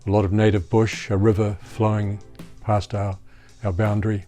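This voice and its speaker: A man's voice: fairly low pitch, flat delivery, normal speed, mellow, soft background music. A man in his seventies with a New Zealand accent, fondly recalling his childhood in an interview. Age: 70s. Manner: fond, reminiscing with fillers. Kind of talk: documentary interview.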